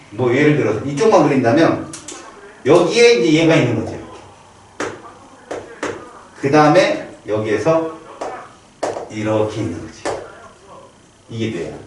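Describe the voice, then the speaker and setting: A man lecturing a biology class in a lively, playful way, his pitch rising and falling a lot as he acts out quick reactions. He is recorded from far off in a strongly echoing classroom. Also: slight background noise. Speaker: biology teacher. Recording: echoey room from far off.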